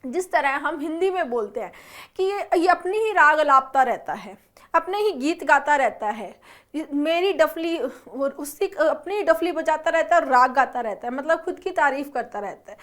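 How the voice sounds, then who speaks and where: A young adult woman teaching vocabulary for exam prep, her voice sitting high. She explains each word and keeps asking her students questions as she goes. English terms slip into her talk often. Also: lively intonation, moderate pace, fairly bright tone. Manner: explains and quizzes students with repeated check-ins.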